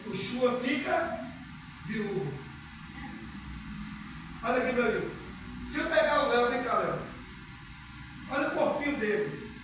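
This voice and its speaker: A man with a Brazilian Portuguese accent preaching a sermon, moving between loud, drawn-out scripture reading and soft, close talk to listeners, leading the congregation in call-and-repeat prayer. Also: very high-pitched, very animated. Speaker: pastor. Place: church hall. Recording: echoey hall, distant mic, background noise.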